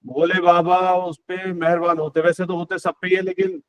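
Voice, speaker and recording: A man's voice: high voice, little pitch movement, moderate pace, no room sound. A man hosting an online devotional singing session over a video call, chatting casually, encouraging his guests and joking with them. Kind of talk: casual chat.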